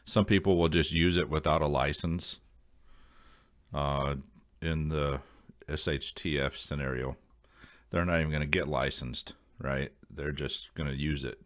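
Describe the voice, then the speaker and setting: This video host has a very deep, low voice with a slightly bright quality and fairly even intonation. Addressing his audience directly in a loose, meandering explainer vlog, he hesitates as if figuring out each idea mid-sentence.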